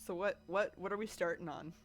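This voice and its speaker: Woman streamer, voice low n kinda sick, giggles a lot, rambly casual chat. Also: fairly even intonation, a little fast, over music. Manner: giggly, rambling with many fillers.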